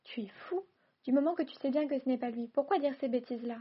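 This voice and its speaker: A woman reading as a sharp, scolding mother. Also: high-pitched, quick pace, slightly rough, highs cut off. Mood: alarmed. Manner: curt, reproachful delivery. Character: middle-aged mother, sharp, scolding, anxious.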